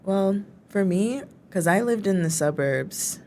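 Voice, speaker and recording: A woman's voice: mid-range voice, expressive, slow pace, a little mellow, a little hiss or hum. A young woman in her twenties from the Chicago suburbs, co-hosting a casual chat and filling her talk with "like". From Chicago suburbs, United States. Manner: chatty, heavy use of filler "like". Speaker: co-host.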